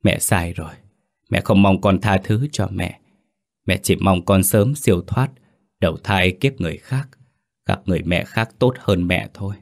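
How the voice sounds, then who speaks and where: A man's voice: low voice, normal speed, vocal fry. A man voicing a grief-stricken, remorseful mother in a spoken ghost story, tearful and pleading.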